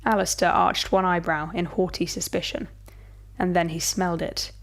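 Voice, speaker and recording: A woman storyteller giving a measured, dramatic scripted horror narration. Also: on the low side, steady tone.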